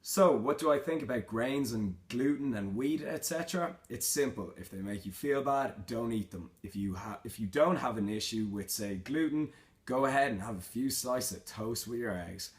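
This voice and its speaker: A man's voice: mid-range voice, lively intonation, normal speed. A young man in a casual Q&A vlog, reading out questions and answering them in an informal, matter-of-fact, slangy way. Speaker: fitness vlogger.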